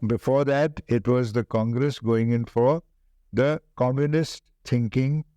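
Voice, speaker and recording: An older man speaks with a posh, educated Indian accent in a relaxed, mellow tone. He answers like an interview guest, deliberate and emphatic, often repeating a phrase to drive it home. The sound is very dry, with hardly any room in it. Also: medium pitch, no echo. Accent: educated upper-class Indian.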